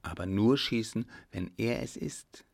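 A man voicing a cautious plotting baron in a spoken storybook, speaking low and conspiratorially. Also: unhurried, vocal fry.

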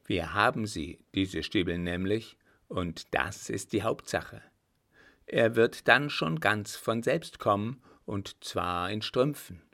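A man voicing an old, blunt field marshal who talks loudly and teases, with a gravelly low voice. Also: slow pace, full character voice. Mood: gruff, bantering. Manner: loud, brusque, bantering.

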